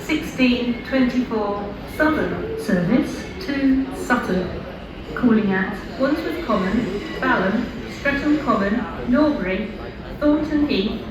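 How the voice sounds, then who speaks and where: Slow woman on a station loudspeaker. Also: fairly high pitch. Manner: measured, even announcer delivery. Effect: station loudspeaker announcement. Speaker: station announcer. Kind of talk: recorded train station announcements. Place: railway station platform. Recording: echoey loudspeaker heard from far off, loud station noise. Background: trains and station ambience.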